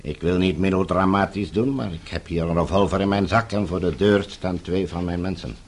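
In a Dutch radio play, an actor with a low male voice plays a calmly menacing middle-aged official. His delivery is measured, polite, and condescending.

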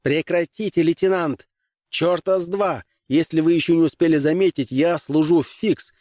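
A man's voice: fairly high pitch, moderate pace, darkish tone, no echo, clean studio sound, pitched above the performer's own voice, natural voice. A male audiobook reader voicing an indignant young starship lieutenant who argues and barks orders heatedly. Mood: defiant. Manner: heated, defiant, barking.

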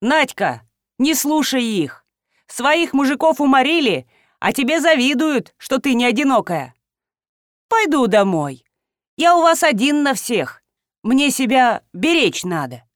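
A woman's voice: high-pitched, big pitch swings, a little slow, no echo, clean studio sound, pitched above the performer's own voice. A woman voicing a cowardly, henpecked old village husband who grumbles and whines. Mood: grumbling. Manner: grumbling, whining.

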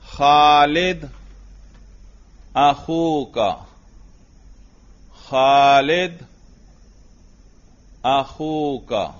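A man's voice: medium pitch, lo-fi sound. A man teaching a grammar class, patiently questioning students and praising their answers.

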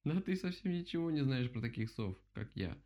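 A man's voice: mid-range voice, big pitch swings, a little fast, pitched above the performer's own voice. A man voicing a small, friendly female burrowing owl in a storybook, easygoing and cheerful. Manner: bright, easygoing.

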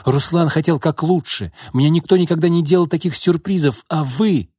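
A man's voice: a little high, moderate pace, dark tone, breathy edge, no room sound, studio quality, pitched above the performer's own voice. A man voicing a tearful young woman in an audiobook, pleading through sobs. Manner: sobbing, pleading. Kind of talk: audiobook character voice.

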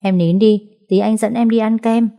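A woman voicing a gentle protective young boy. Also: on the high side, steady tone, moderate pace, creaky. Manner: gentle, reassuring.

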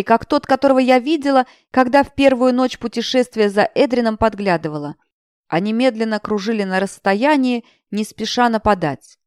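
A woman's voice: on the high side, darkish tone, clear, resonant tone, no room sound, studio quality. A woman narrating a fantasy audiobook in the first person, expressively.

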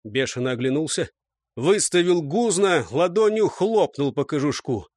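A man's voice: fairly high pitch, sing-song, normal speed, a little mellow, dry recording, clean studio sound. A man narrating an audiobook in a dramatic, vivid reading style.

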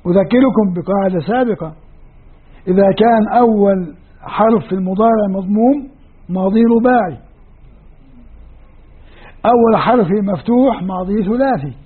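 A man's voice: high voice, slightly rough. A man with a Levantine Arabic accent teaching a classroom lecture on Quranic grammar, explaining step by step and posing questions to his students. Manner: explanatory, poses questions to students and answers them. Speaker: Islamic studies teacher. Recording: tinny lo-fi phone-like recording.

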